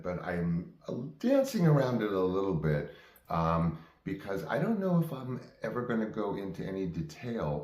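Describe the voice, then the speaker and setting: A man in his fifties with a very low-pitched voice shares memories in a casual monologue. He talks haltingly and often wanders into asides. The sound is clearly roomy, with echo around the voice. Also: a little mellow. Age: 50s. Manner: halting, digressive. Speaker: vlog host telling personal stories.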